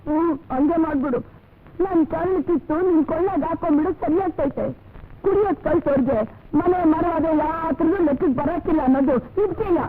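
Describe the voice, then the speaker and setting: A woman's voice: extremely high pitch, fairly quick, long pauses, a little hiss or hum. An actress playing a fed-up wife who answers her drunken husband with sarcastic scolding, in a radio drama. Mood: defiant. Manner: scolding, sarcastic retorts, rustic dialect. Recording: tinny lo-fi audio with faint music.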